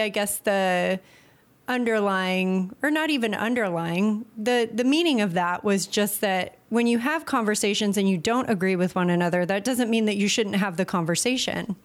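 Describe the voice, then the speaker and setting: A young woman co-hosting a podcast in relaxed, chatty talk. Her pitch sits in the middle for a woman. She rambles a bit and often laughs. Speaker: podcast co-host. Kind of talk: casual chat.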